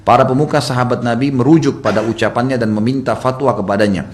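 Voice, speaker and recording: Brief: a fast-talking middle-aged male preacher, dramatic storytelling sermon with sharp loud jumps. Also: mid-range voice, steady tone, a little hiss or hum. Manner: dramatic storytelling with acted quotes and sudden loud rises.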